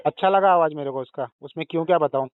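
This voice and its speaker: A man teases and insults a recovery caller in a crude way. His voice is high, smooth and dry over a tinny phone line. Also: fast. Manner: crude, teasing, abusive. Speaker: borrower being called.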